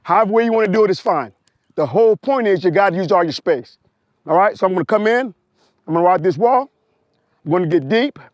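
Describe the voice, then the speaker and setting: A hoarse-voiced man, working as a motorcycle instructor, talks a rider through a slow-speed exercise step by step, repeating short cues. His voice sits high with lively intonation, captured outdoors on a wireless mic in a dry, lo-fi recording.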